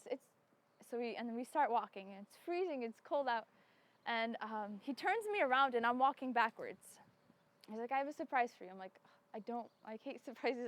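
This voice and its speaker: A young woman casually telling a personal story, chatty, with many fillers, restarts and frequent laughs. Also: fairly high pitch. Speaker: bride telling her proposal story.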